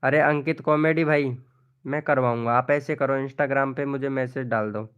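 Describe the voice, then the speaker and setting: A man's voice: medium pitch, steady tone, moderate pace, clean tone, lo-fi sound. A man hosting a live stream, chatting casually as he reads out viewers' comments, calling people by name and often laughing. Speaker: live stream host promoting channels.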